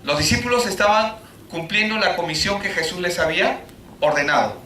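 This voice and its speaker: A man preaching a sermon, full of rhetorical questions, rising to shouts and then dropping low. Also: fairly quick, crowd noise. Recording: echoey room, voice from a distance.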